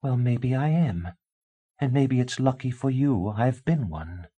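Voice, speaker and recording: Reading an audiobook, a man plays a frantic young bride who secretly works witchcraft, her pleas and accusations shrill. His delivery is a little slow and mellow, slightly rough, with lively intonation and a bitter mood.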